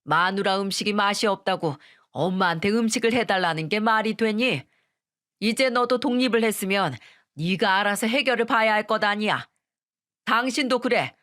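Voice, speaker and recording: A woman's voice: medium pitch, normal speed, a bit bright, close to an everyday voice. Woman doing a stern scolding father-in-law. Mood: lecturing. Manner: gruff, lecturing.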